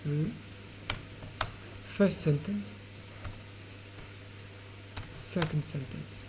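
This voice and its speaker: A woman teaching English grammar and pronunciation online, explaining slowly with pauses and fillers. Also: low-pitched, noisy background.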